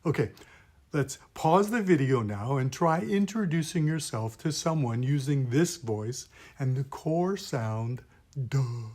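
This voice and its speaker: A man's voice: medium pitch, lively intonation, measured pace, hardly any pauses, darkish tone. A man, a pastor, patiently teaching puppet voices step by step in an instructional video.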